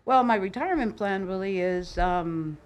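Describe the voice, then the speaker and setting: There is slight background noise as an older Cuban woman, mid-range in voice and moderate in pace, holds forth in a podcast studio. She is an opinionated, boisterous guest who tells stories with great animation in a casual interview.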